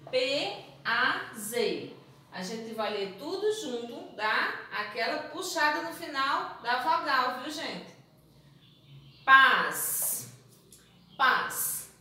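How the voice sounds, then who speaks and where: A woman's voice: sits high, animated, slow, bright, forceful tone, recorded from a distance. A woman teacher giving a recorded phonics lesson to young children, patiently sounding out letters and syllables and calling the pupils her loves. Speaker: primary school teacher. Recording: very echoey room, voice off-mic, faint noise.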